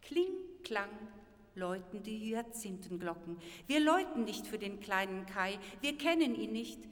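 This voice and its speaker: A woman voicing aloof, chiming hyacinth flowers in a storybook reading, quick and sing-song. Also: mid-range voice, expressive, natural voice. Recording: reverberant with violin music behind.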